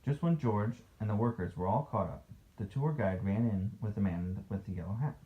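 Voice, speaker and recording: A dad with a fairly low-pitched voice reads a picture book aloud at a normal speed, talking it over with a child in a conversational, playfully critical manner. Recorded at home, the sound is dull and noisy, capturing both the read-aloud and the casual chat.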